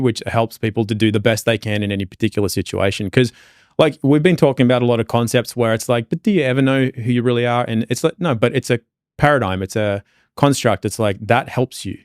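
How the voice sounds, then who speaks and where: A man's voice: fairly low pitch, fairly quick, a little mellow, no room sound, studio quality. A man with an Australian accent, talking as a podcast guest in a loose, reflective way, full of fillers and restarts. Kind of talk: casual conversation.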